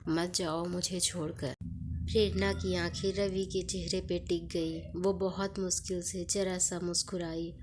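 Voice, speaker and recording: A woman reading an emotional story aloud in a slow, soft and sorrowful way. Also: lowish voice, flat delivery, background noise.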